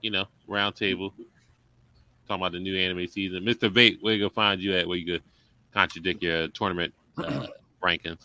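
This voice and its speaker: A man's voice: sits low, fairly even intonation, a little fast, pushed and bright, rough recording. A man hosting a casual group discussion, blunt and opinionated, with swearing in his talk. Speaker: discussion host.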